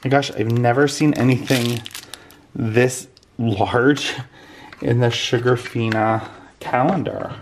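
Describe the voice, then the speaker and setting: The voice is mid-range and steady, the pace slow, with slight background noise. It belongs to an American vlogger in his thirties chatting casually at home, congested and losing his voice to a cold, filmed on a phone or camera held at arm's length.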